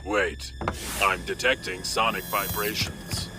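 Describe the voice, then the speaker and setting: A stiff, literal cartoon robot. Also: male voice, deep voice, slow. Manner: flat, literal. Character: stiff male robot hero double. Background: background music.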